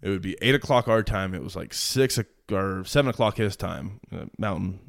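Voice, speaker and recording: Creaky and low-pitched, this young man's voice moves at a moderate pace in a studio-quality recording with no room sound. The twentysomething pro footballer relaxes into casual storytelling, full of fillers and laughs.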